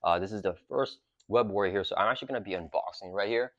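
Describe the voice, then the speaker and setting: A man with a fairly low voice talks quickly on a dull recording with no room sound. Hosting his channel, he chats through a card game unboxing in a relaxed, rambling way full of fillers, his throat sore and a cough drop in his mouth.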